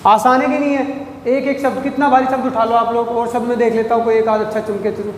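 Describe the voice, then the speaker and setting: A man's voice: very high voice, little pitch movement, quick pace. A man teaching a grammar lesson at a board, drawing out syllables, repeating them and quizzing his listeners. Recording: echoey room with long reverb, faint noise.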